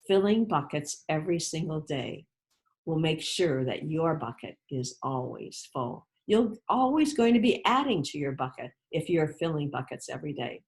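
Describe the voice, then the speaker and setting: Reading to young listeners, a woman writer uses a voice on the low side. She speaks straight to them, emphasizing words deliberately as she encourages and teaches.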